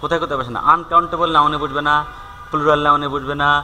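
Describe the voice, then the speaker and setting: Bright-voiced man teaching English grammar. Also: fairly high pitch, fairly even intonation, long reverb tail, slight background noise, low-quality recording. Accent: Bangladeshi. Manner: reads English examples slowly, then explains. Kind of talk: recorded classroom lesson.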